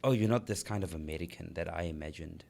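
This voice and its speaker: A man from Africa, co-hosting a casual podcast chat and telling stories with teasing, animated delivery. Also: sits low, quick pace, vocal fry. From South Africa. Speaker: podcast co-host.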